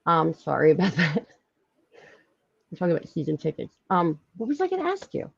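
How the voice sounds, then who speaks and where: A woman with a Philadelphia accent, hosting a casual live-stream chat, talkative and quick to laugh. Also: fairly low pitch, gravelly, slightly rough, dry recording, muffled recording. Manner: chatty, lively, laughs often, many fillers. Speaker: podcast host.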